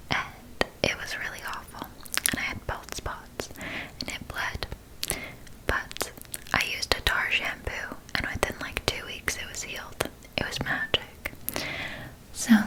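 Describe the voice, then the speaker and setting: A woman playing a gentle, caring spa hair therapist in a whispered role-play, speaking in a soft breathy whisper and reassuring her client as she explains. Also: medium pitch, close to an everyday voice, low-quality recording.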